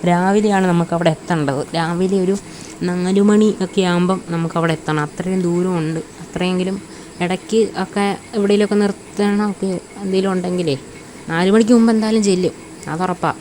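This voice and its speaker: A woman's voice: fairly low pitch, fairly even intonation, brisk, dark tone, slight background noise. A woman with a Malayali accent giving casual gameplay commentary, mixing Malayalam with English words and chummily addressing viewers as buddies. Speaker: gaming channel host.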